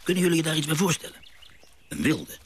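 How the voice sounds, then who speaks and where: A low-voiced naturalist father in a radio play, lively storyteller, very expressive delivery. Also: moderate pace, slight background noise. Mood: excited. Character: gentle father, a naturalist recalling his sea voyage. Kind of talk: radio drama narration.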